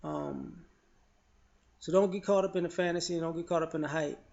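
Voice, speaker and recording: Guy ranting his opinion casually, slightly high-pitched, keeps going "you know", sound's kinda dull. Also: fairly even intonation, brisk, a little mellow. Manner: loose, frank, repeats "you know" and restarts often. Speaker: vlogger sharing opinions. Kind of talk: casual spoken commentary. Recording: dull lo-fi audio.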